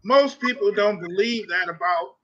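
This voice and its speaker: A man's voice: high voice, moderate pace, pushed and bright. A male talk show host asking long, winding questions in an interview. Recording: dull lo-fi sound.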